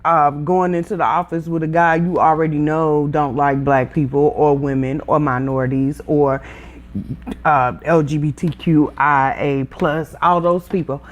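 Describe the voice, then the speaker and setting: A woman's voice: deep voice, steady tone, a little slow. A woman co-hosting a podcast in casual chat, sassy and emphatic, repeating words for punch. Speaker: podcast co-host.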